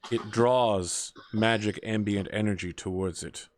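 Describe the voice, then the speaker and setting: A man narrating as game master in a tabletop role-playing game, measured and descriptive. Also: fairly low pitch, fairly even intonation, dry recording.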